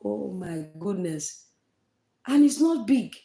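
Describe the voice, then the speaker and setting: A Nigerian woman with a Nigerian accent hosts a casual livestream chat, speaking slowly and expressively in a warm, medium-pitched voice with vocal fry. She repeats herself for emphasis and sprinkles in Nigerian fillers like "eh" and "oh." The audio is reverberant.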